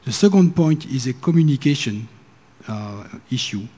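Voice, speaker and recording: Mellow, husky Frenchman at a conference. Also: medium pitch, lively intonation, moderate pace. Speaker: commissioner speaking from the floor. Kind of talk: conference Q&A comment. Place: conference hall.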